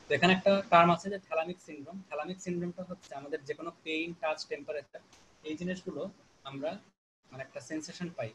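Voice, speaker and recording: A man giving a medical lecture in a slow, explaining manner, with terms spoken. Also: on the high side, slight background noise, rough recording. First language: Bengali. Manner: explains terms slowly, mixing in English phrases.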